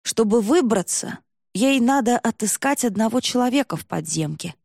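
A woman's voice: on the high side, animated, normal speed, creaky, a little mellow, no room sound, studio quality, voice pushed up. A woman voicing a cocky young man who talks in slang and mocks others. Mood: slangy mocking. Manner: slangy, mocking.

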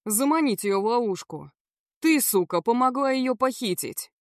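A woman's voice: a little high, animated, moderate pace, dry recording, clean studio sound. A woman voicing an enraged, menacing male gangster who growls his words through clenched teeth in a cold voice. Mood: furious.

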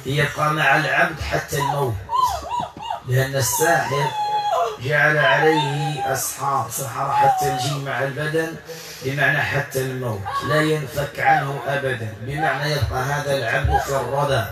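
A man's voice: medium pitch, wildly swooping pitch, normal speed, over a noisy crowd. Commanding man in an echoey room. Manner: commanding, repetitive coaxing. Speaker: Quran healer. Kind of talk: exorcism session addressing a possessed patient. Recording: echoey room, far from mic, loud noise.

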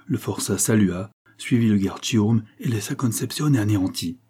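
A man narrating a classic novel in a steady, measured audiobook reading. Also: on the low side, breathy edge.

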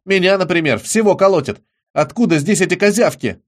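A man's voice: high-pitched, expressive, fairly quick, pitched above the performer's own voice. Man doing a brash, blustering boy. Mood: indignant. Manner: brash and exclaiming.

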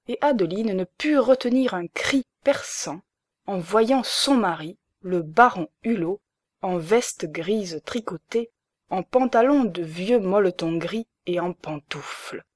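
A woman narrating a classic novel as an audiobook in a measured, clear storytelling voice. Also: fairly low pitch, expressive, darkish tone, no room sound, studio quality. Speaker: audiobook reader.

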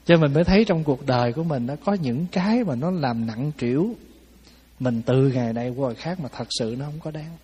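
A monk preaches to a gathering, slipping into the voices of the people in his stories and checking in with his listeners as he goes. His voice is mellow and a little husky. The sound rings out with long reverb, as in a large hall. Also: mid-range voice, brisk. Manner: lively, conversational, acts out quotes of people in his stories; asks the audience "phải không?". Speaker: Buddhist monk giving a dharma talk. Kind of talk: storytelling sermon.

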